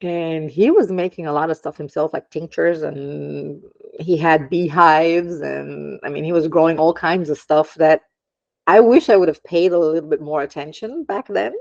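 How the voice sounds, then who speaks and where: Brief: low female voice, hesitant, dull dry recording. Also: normal speed, creaky, darkish tone, dry recording. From Germany. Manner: hesitant, many ums, laughs often. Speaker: podcast guest, aromatherapist. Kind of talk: casual interview chat.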